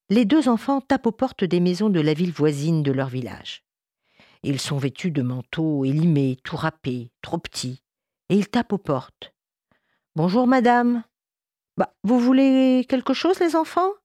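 A woman reading a story aloud, expressive and warm, with occasional hesitation fillers. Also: sits low, dry recording, clean studio sound. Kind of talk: storytelling narration.

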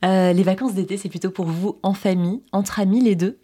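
A woman hosting a light summer radio interview, chatty and quick to laugh along with her guest. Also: mid-range voice, steady tone, mellow. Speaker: radio host.

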